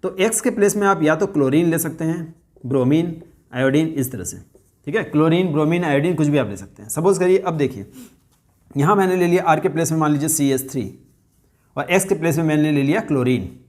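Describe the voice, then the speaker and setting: A male teacher with a slightly higher voice gives a chemistry lesson. He keeps asking his students questions and repeats the key terms slowly, with faint writing sounds behind him. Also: expressive, a little mellow.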